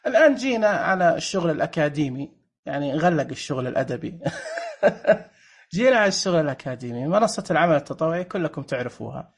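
Lecturer, husky, middle pitch, emphatic and animated, works the audience with rhetorical questions. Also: fast. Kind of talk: lively presentation talk with slides.

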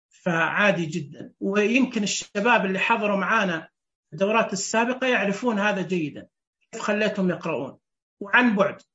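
A woman teaches a Braille class online, going through it step by step and counting the dots out loud. She keeps checking in with her students as she goes. Her voice sits at a middle pitch and comes through a dull, muffled recording. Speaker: Braille instructor.

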